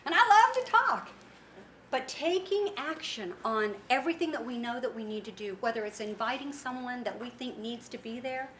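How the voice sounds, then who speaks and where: High-voiced woman giving an animated talk. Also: moderate pace. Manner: animated storytelling with acted-out quotes. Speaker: speaker and founder of a women's business network. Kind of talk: motivational talk to an audience. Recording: roomy echo, faint background noise.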